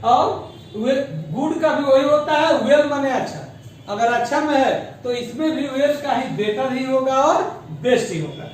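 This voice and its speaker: A man teaching an English grammar lesson, explaining slowly and spelling out words syllable by syllable, mixing English terms into Hindi. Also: very high-pitched, recorded from a distance, a little hiss or hum. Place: school classroom. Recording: very echoey room, voice off-mic.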